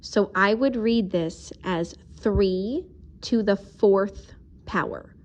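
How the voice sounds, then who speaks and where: Female teacher, mid-pitched, patient, step-by-step math lesson voice, occasionally slows down while writing. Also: a little mellow. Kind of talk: recorded math video lesson.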